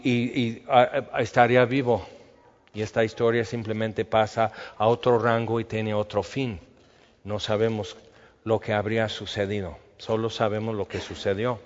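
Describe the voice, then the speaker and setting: A man preaching a sermon, telling stories with animation and acting out the scenes. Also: medium pitch. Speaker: pastor. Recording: dull reverberant hall sound.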